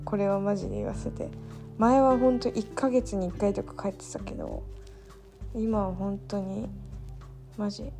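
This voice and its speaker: Gravelly young woman chatting late at night. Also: mid-range voice. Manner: chatty, ranting, self-mocking. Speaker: vlogger. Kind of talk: late-night casual monologue.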